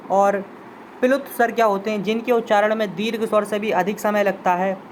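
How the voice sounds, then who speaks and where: A man's voice: high-pitched, steady tone, a little fast, a little hiss or hum, rough recording. Male Hindi teacher sounding out vowels. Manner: repeats terms and sounds out example vowels; addresses students directly, invites them to try. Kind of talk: classroom lesson explanation.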